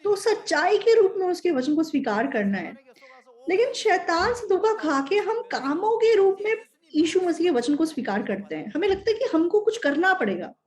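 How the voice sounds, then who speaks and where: A woman's voice: extremely high pitch, sing-song, moderate pace, a little mellow. A woman interpreting a sermon, speaking in an earnest, explanatory way and repeating key phrases.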